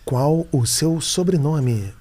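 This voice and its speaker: A talking parking-ticket machine voice, slow and stiff, with a fussy, formal politeness and a somewhat high pitch, as a man puts it on while telling a story. Each word comes out measured and mechanical, like an automated announcement. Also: lively intonation, warm tone. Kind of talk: reenacting a comedy prank in casual chat.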